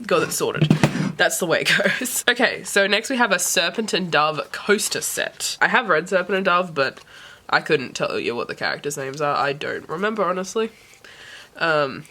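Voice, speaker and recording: A woman with a hoarse voice that is giving out from sickness, chatting casually and thinking aloud as she vlogs an unboxing. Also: deep voice, bright, forceful tone, slight background noise. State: hoarse, sick-sounding voice that is giving out. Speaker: book vlogger.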